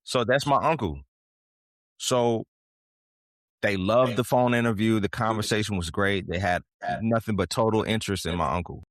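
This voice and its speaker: A man co-hosting a podcast, talking things through in a measured, reflective way and telling stories from his own life. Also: on the low side, a bit bright, dry recording, studio quality. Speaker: podcast co-host. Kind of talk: casual conversation.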